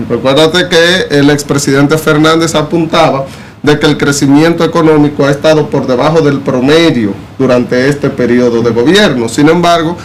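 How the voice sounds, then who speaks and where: A man giving measured, explanatory commentary on a presidential debate in a casual discussion. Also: a little high, a little hiss or hum. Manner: measured, explanatory, uses fillers like "eh" and "vamos a decir". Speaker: political commentator.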